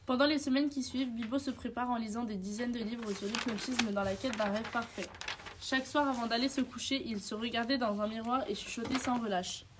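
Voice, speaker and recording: A woman narrating a storybook tale in an expressive, dramatic reading. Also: a little high, brisk, a little hiss or hum.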